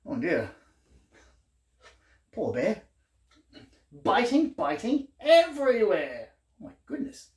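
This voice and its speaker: A man in his thirties reads a picture book to young children indoors, in a small living room with a roomy sound. His high voice swoops wildly in pitch, and he goes slowly, pausing often, delivering it playfully and theatrically with questions for his listeners.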